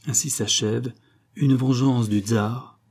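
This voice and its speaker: A man reading a story aloud as narrator, with measured, grave delivery. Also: mid-range voice, steady tone, a little mellow, breathy edge. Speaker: audiobook narrator.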